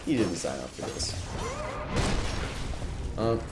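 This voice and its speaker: A man's voice: sits low, very animated, takes it slowly, over loud music. A man streaming a game, giving live let's-play commentary in an exasperated rant, with frequent restarts. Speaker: gaming streamer. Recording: echoey room with background noise.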